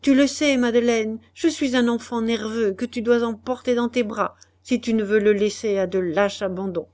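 A woman's voice: on the high side, fairly even intonation, normal speed, darkish tone, pitched above the performer's own voice, lightly acted. A woman voicing a frantic, nervous young husband in an audiobook, pleading feverishly. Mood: anguished. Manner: feverish, stammering pleas. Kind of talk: audiobook dialogue reading.

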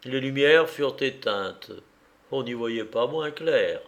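A man reading a literary story aloud in a slow, measured, expressive way. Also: mid-range voice. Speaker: audiobook reader. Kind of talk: literary narration.

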